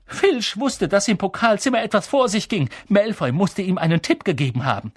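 A man's voice: high-pitched, animated, moderate pace, breathy edge, no room sound, clean studio sound, pitched above the performer's own voice. A man voicing an insistent know-it-all schoolgirl who lectures her friends.

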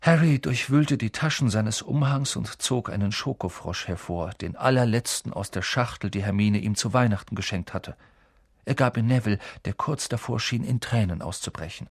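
A man narrating an audiobook in a lively, expressive way. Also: on the low side, moderate pace, slightly rough, dry recording, studio quality.

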